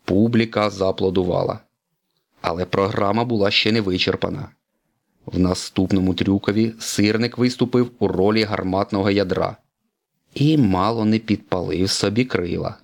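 A man narrating a children's storybook in an expressive read-aloud manner. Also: on the low side, normal speed, vocal fry.

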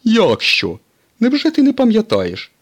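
A man voicing a boastful, folksy male tow truck who tells tall tales in a storybook reading, raising his voice higher and louder than his narration. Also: wildly swooping pitch, measured pace, full character voice. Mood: teasing.

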